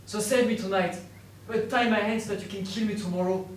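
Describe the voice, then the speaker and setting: A man's voice: high-pitched, fairly even intonation, brisk, a little hiss or hum, close to an everyday voice. A man playing a defiant captured fighter. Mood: bitter. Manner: accusing, rhetorical questioning. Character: defiant male captured fighter, bitter and accusing. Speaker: stage actor. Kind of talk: stage play acting. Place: theatre stage. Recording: echoey room from far off.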